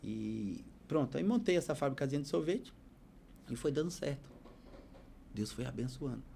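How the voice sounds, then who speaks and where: A man's voice: mid-range voice, animated, normal speed, vocal fry, warm tone, slight background noise. A man, a podcast guest telling his life story as a heartfelt, preacherly testimony. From Bahia, Brazil.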